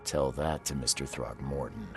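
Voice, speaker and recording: A man's voice: a bass voice, fairly even intonation, moderate pace, music in the background. A man playing a hard-boiled, sceptical private investigator in a video game, speaking in a dry, blunt way. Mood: pressing. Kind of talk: video game character acting.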